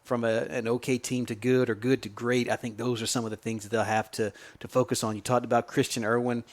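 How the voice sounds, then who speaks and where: Talking a little fast in a mid-range voice that barely moves in pitch, a man co-hosts a sports podcast. His casual sports chat and analysis come across folksy, colloquial, and enthusiastic.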